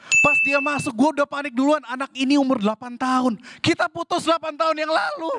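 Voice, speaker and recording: High-voiced ranting stand-up comic man. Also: fast talker, pushed and bright, dry recording. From Indonesia. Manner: exasperated ranting. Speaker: stand-up comedian. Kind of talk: stand-up comedy set.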